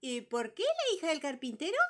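A shrill clucking hen. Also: female voice, wildly swooping pitch, fairly quick. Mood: fussy. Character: clucking nosy hen, female, fussy.

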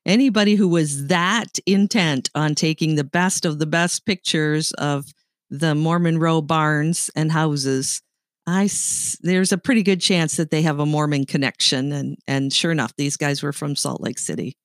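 Her voice is low and unhurried, recorded at studio quality with no room sound. A middle-aged woman from Canada with a slight Canadian accent, she co-hosts a podcast, chatting casually and spinning stories with frequent laughter.

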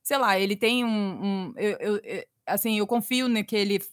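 A woman's voice: medium pitch, moderate pace, dry recording, studio quality. A Brazilian woman in her thirties who makes children's story podcasts, chatting animatedly and slipping into voices as she retells things. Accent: Brazilian Portuguese. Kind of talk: casual interview chat.

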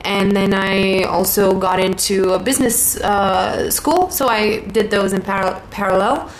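A woman, a theater actor talking casually as a podcast guest, thoughtful and quick to laugh. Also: mid-range voice, steady tone, a little hiss or hum, low-quality recording. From Romania. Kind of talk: casual interview chat. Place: rental apartment.

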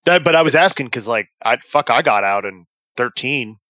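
A man's voice: medium pitch, animated, moderate pace, bright, forceful tone, dry recording, highs cut off. A man from Texas, an army veteran, telling profane, joking stories in casual chat over a remote call. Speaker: podcast guest, army veteran.

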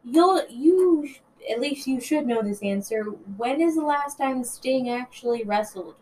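Female co-host, casual and chatty, somewhat high pitch, hesitant restarts. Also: animated, measured pace, dark tone, a little hiss or hum, rough recording. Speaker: podcast co-host. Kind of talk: casual wrestling news chat.

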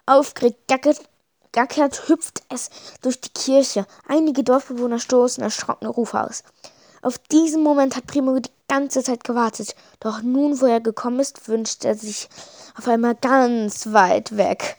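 A woman's voice: a little high, fairly even intonation, a little slow, a little mellow, dry recording, clean studio sound. A woman reading a children's book aloud for her podcast, in an informal way with fillers and restarts. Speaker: podcast reader.

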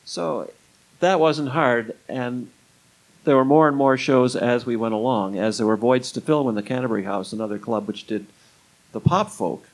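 A man's voice: mid-range voice, normal speed, rough recording. Older man telling rambling anecdotes. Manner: rambling, conversational, voices quoted speech in stories. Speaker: interview guest, retired music club booker. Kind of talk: anecdotal storytelling in an interview.

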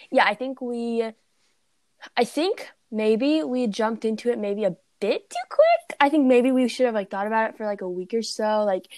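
A woman's voice: medium pitch, no echo. Chatty young woman, dry close sound. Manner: chatty, many "like" fillers, laughs often. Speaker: podcast co-host. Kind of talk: casual chat. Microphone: recording remotely.

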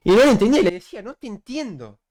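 Fast-talking Argentine streamer man. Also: high-pitched. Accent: Argentine Rioplatense. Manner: slangy, self-mocking, animated with laughs. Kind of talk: casual storytelling to a live chat.

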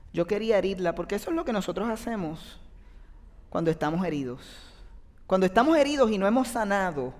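A man, a youth pastor giving an earnest, confessional sermon testimony. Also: sits high. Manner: earnest confessional storytelling, animated rises. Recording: long reverb in a large hall.

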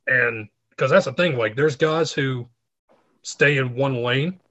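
Male guest, middle-aged, bright edge to the tone, storyteller who acts out quotes. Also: medium pitch, slow, highs cut off. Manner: animated anecdote teller, acts out quotes. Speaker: guest, fitness writer. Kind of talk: casual interview storytelling.

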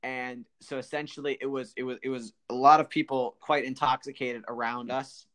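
A man co-hosting a casual podcast, talking in a halting way full of fillers and restarts. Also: mid-range voice, fairly even intonation, fairly bright tone. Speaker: podcast co-host.

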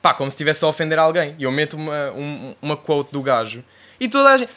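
A man's voice: a little high, animated, quick pace, sharp tone. A young man with a European Portuguese accent in casual, slangy podcast banter, animatedly acting out exchanges. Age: young adult.

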